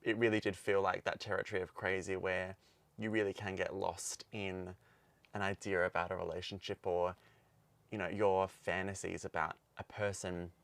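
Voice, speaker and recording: A young man chats casually as a podcast co-host. His voice is gravelly and sits a little low. He rambles and laughs easily, recorded close and dry. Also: flat delivery, moderate pace, fairly bright tone, dry recording. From Australia. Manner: chatty, rambling, laughs often. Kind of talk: casual chat.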